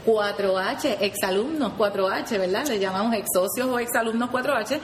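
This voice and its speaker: In a reverberant recording with a little hiss or hum, a 4-H program leader from Puerto Rico speaks earnestly as a guest, at medium pitch and moderate pace. Her Puerto Rican Spanish is sprinkled with "¿verdad?" tags and restarts as she describes her youth program.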